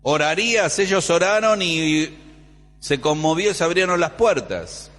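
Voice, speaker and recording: Brief: male preacher, fairly high voice, animated storytelling, long hall reverb. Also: a little slow. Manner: animated storytelling, quotes scripture. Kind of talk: sermon.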